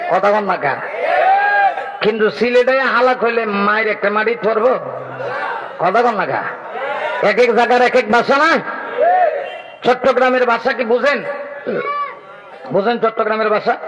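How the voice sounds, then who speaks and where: High-voiced preacher with a big echoing hall sound. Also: male voice, lo-fi sound. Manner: jokes with the crowd, quizzing and cajoling listeners, rising into sing-song chanting. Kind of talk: Bengali waz sermon. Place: large outdoor religious gathering.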